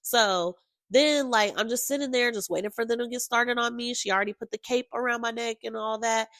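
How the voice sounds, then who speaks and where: A woman hosting her own podcast, telling a story in a casual, exasperated, animated way and talking straight to her listeners. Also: on the high side, brisk, no echo, studio quality. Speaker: podcast host.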